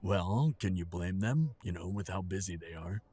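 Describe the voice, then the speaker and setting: In an audio drama, a man plays a supportive older husband and father who is steady, reassuring and fond of gentle teasing. His voice is deep and husky at a moderate pace, recorded with no room sound, and he sounds amused.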